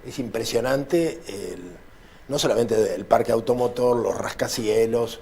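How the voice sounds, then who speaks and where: A man interviewed as a political commentator, speaking in a measured, reflective way with hesitations and repeated words. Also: mid-range voice, darkish tone, slight background noise.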